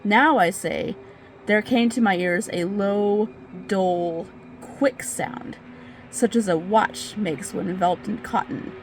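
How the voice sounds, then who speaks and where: A nervous, obsessive murderer tells a gothic horror tale, acted out by a woman in a medium-pitched voice. The delivery is hammy and theatrical, as on a stage, with words drawn out and repeated for gleeful, crazed emphasis. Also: takes it slowly, faint music behind, rough recording. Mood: agitated, insistent. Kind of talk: dramatic reading of a gothic horror story.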